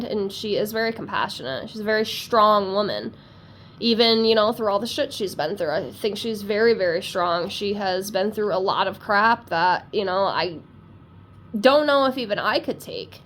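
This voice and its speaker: Congested and stuffy from a cold, a tarot reader rambles through a casual, talkative card session, making light of herself along the way. She has a medium-pitched, slightly bright voice, and a little hiss or hum runs under the audio.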